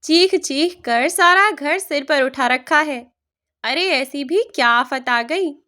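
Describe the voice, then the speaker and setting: A woman voicing a rude shouting daughter-in-law. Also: high-pitched, slow pace, heavily acted. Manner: shouting, insulting.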